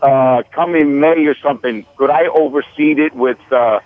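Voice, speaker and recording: A man calling into a radio gardening show over the phone, asking halting, hesitant questions. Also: mid-range voice, no echo. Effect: heard over a phone line. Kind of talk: call-in question to a gardening host. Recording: tinny, dry phone line.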